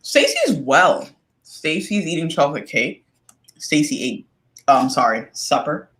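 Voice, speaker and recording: A woman co-hosting a casual chat, talking in a lively, animated way and reacting quickly. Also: deep voice. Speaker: podcast co-host. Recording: echoey roomy sound.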